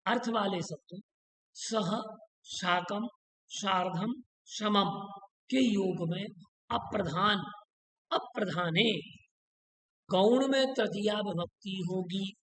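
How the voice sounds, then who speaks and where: A grammar teacher speaks at a very slow, deliberate pace, going over each rule again and again and stopping to quiz the listener. The voice sits in an echoey room with a long reverb tail. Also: mid-range voice, a bit bright. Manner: drills rules by repetition and quizzes the listener. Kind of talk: classroom-style grammar lesson.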